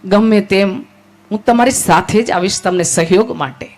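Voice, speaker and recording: A woman's voice: medium pitch, moderate pace, a little mellow, lightly acted. A woman voicing a loyal, selfless queen in a devotional story, speaking earnestly and resolutely.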